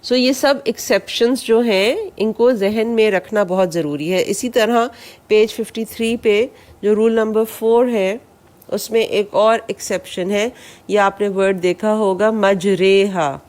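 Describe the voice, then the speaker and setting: Woman teaching recitation, slow chanted prayers. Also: on the high side, a little mellow. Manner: explains in plain Urdu, then recites Arabic slowly and drawn out.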